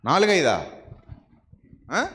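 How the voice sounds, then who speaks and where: A man's voice: fairly high pitch, wildly swooping pitch, very slow, sharp tone. A male pastor from the Godavari region of Andhra Pradesh, preaching a sermon and pressing the congregation with repeated rhetorical questions.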